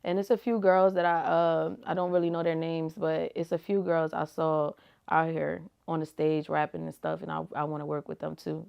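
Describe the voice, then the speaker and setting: Laid-back slangy young woman, smooth voice. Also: low-pitched, moderate pace, lo-fi sound. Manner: laid-back, slangy, frequent "like" and "you feel me". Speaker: rapper and reality TV personality, guest. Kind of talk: casual interview answers.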